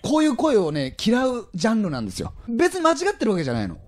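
A man's voice: high-pitched, wildly swooping pitch, fast talker, a little mellow. A man co-hosting a radio show, coaching voice exercises in a casual, laughing, teasing way. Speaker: radio co-host and vocal coach. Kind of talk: casual radio chat, voice lesson.

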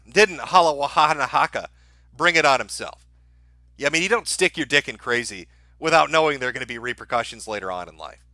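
A livestream host delivers casual, mocking, sardonic commentary with lots of swearing. His lively voice swings widely in pitch and has a sharp, bright edge, and the recording is dry and close.

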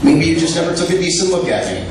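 A middle-aged man plays the straight man in a live ventriloquism routine, talking in stage patter. His voice carries from a distance through a very echoey hall, with clear noise around it. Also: a little high, animated, fast.

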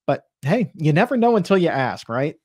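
A man's voice: a little high, big pitch swings, moderate pace, darkish tone, breathy edge, no echo. Thirties male host, playful and chatty, dry close studio mic. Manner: joking, playful, rambling. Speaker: podcast host. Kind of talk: podcast interview. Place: studio with a podcast backdrop. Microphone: studio microphone on an arm.

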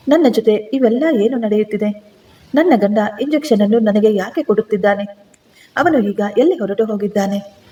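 Mellow-voiced woman telling a story. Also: medium pitch. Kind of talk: first-person dramatic story narration.

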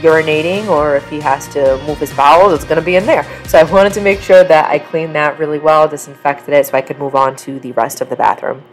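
Woman, 30s, deep-ish voice, casual practical cleaning narration, light music bed. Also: brisk, few pauses. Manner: chatty, practical, relaxed explaining. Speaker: cleaning vlogger.

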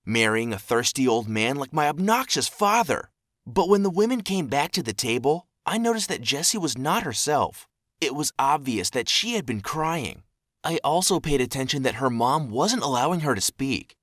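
A young man narrating a scripted animated story and voicing the people he quotes. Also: fairly high pitch, no room sound, clean studio sound.

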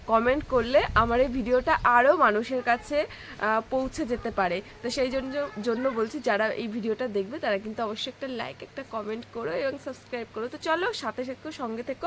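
A young woman with a West Bengal Bengali accent runs through her day for her viewers. She chats in a loose, filler-heavy way, her voice sitting slightly high. A faint background hiss and the odd passing vehicle can be heard. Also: rough recording. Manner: chatty, addresses viewers as friends, many fillers. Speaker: vlogger. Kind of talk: casual daily-life vlog.

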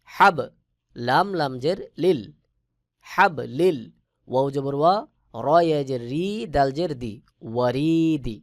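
A man teaching Quran reading in a lesson, spelling out letters step by step and chanting the words slowly and patiently. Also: medium pitch, no room sound, clean studio sound. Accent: Bangladeshi Bengali. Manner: slow, patient, drawn-out chanted recitation.

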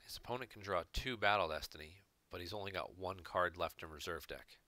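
A man's voice: low voice, a little fast, sharp tone, no echo. A man commentating on a recorded card game match, explaining each play step by step from home. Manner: analytical, explains plays step by step. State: hiccups. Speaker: game reviewer. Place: home room.

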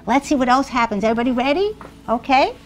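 A woman's voice: high voice, animated, quick pace. A woman hosting a children's show, reading a picture book aloud and cheerfully asking the children questions.

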